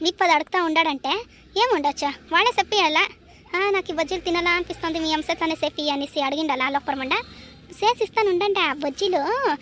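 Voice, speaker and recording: A woman's voice: sits high, a bit bright, slight background noise. Woman doing a grumbling cartoon mother-in-law. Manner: grumbling to herself, scolding. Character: middle-aged mother-in-law, grumbling, bossy. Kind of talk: cartoon voice acting.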